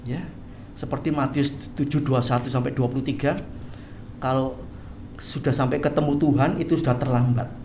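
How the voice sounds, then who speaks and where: A pastor preaching an animated sermon, often tagging phrases with "ya". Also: mid-range voice, a little fast, a little hiss or hum. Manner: animated, tags phrases with "ya", acts out quoted voices. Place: church hall, livestreamed service. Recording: echoey church hall.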